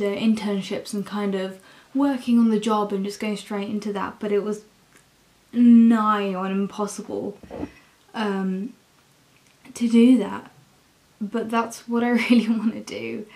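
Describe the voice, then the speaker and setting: A young adult woman with an English accent, talking casually and candidly in a halting, confessional vlog style. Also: medium pitch, a little mellow. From England. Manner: slow, halting, candid, with frequent swearing. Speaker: university student vlogger.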